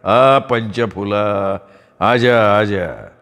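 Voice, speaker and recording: A man voicing a drunk male snake charmer who drawls his words slowly and slurred. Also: lowish voice, a bit bright, voice pushed down, exaggerated voice. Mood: slurring taunts. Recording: long reverb.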